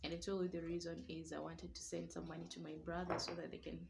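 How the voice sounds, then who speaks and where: Emotional Kenyan woman with a gravelly voice. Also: fairly low pitch, level tone, fast talker, heavy background noise. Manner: emotional, pleading, at times whispering. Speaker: vlogger. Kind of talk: emotional personal vlog. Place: small single room indoors.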